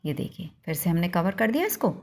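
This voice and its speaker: A woman's voice: on the low side, very animated, brisk, vocal fry. A woman hosting a home cooking demonstration, explaining each step to viewers in a homely, instructive way. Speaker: cooking channel host.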